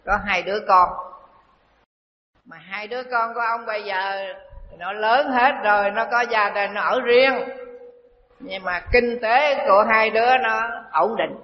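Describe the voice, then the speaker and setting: A male Buddhist monk gives a dharma talk, telling a story slowly and repeating phrases. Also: sits high. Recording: dull echoey hall recording with faint hiss.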